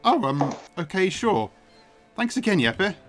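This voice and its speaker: An eager young woman newcomer , as a streamer voices her, pitched well above the streamer's usual voice. She sounds bright and a little awkward, over a faint music bed. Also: very animated, unhurried.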